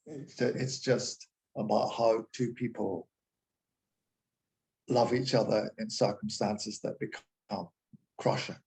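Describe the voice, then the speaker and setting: A man's voice: on the low side, steady tone, slow pace, long pauses, darkish tone. A man with a Glaswegian accent in casual panel chat, reflective and repeating words as he thinks. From Glasgow, Scotland. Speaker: actor.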